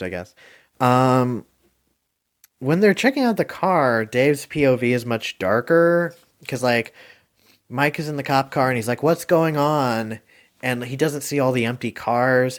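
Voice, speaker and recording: A man's voice: medium pitch, normal speed. A man hosting a casual podcast movie review, rambling and hesitant with lots of ums and likes, chuckling now and then.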